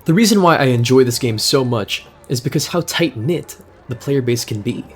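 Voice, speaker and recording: Speaking at a moderate pace with lively intonation, this young adult from the United States has a medium-pitched voice. He delivers a jokey, scripted class speech in a relaxed, wry manner, tossing in slangy asides.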